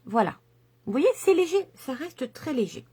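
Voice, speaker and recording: A woman's voice: sits high, big pitch swings, normal speed, dark tone. A middle-aged woman chatting enthusiastically through a makeup tutorial, with lots of fillers and asides. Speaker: makeup vlogger.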